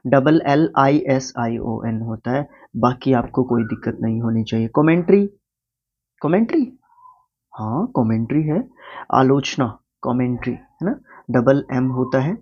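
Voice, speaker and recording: A man with an Indian accent teaching English spelling in a casual Hindi lesson, spelling words out letter by letter and asking the viewer questions. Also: medium pitch. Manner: asks the viewer questions, then answers them. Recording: slightly dull, lo-fi recording.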